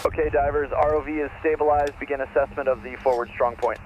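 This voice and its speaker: A man's voice: mid-range voice, steady tone, fast talker, recorded from a distance, highs cut off, background noise. A man on a diver's helmet radio, giving clipped, procedural callouts to the dive team.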